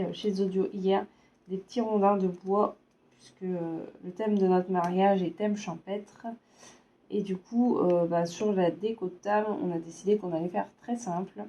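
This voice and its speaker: A woman in her thirties from France with a sore, hoarse throat, chatting casually as a vlogger and hesitating often. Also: medium pitch, darkish tone. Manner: hesitant, many fillers. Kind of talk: casual chat.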